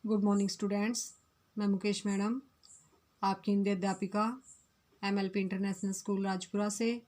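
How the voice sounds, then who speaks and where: A woman's voice: medium pitch, flat delivery, normal speed, darkish tone. A woman, a Hindi teacher, giving an online grammar lesson to young pupils and repeating each definition.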